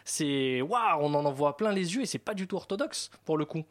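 A man hosting a casual talk show, halting often with fillers as he goes. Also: fairly high pitch, lively intonation, fairly bright tone. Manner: hesitant, many fillers. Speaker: host. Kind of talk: casual chat.

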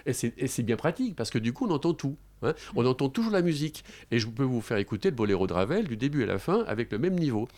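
A man's voice: mid-range voice, very animated, fast, few pauses, darkish tone. Explanatory French man, radio interview. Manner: explanatory, emphatic, frequent hesitations and "vous voyez". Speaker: sound expert guest. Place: radio studio.

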